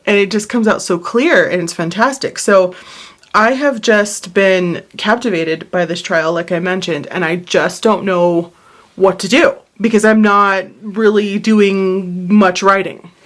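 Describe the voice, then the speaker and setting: A tired, short-of-breath woman chatting casually at home in a planner vlog, rambling and apologizing as she drifts off topic. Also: medium pitch. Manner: rambling, apologetic, easily sidetracked. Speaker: planner vlogger.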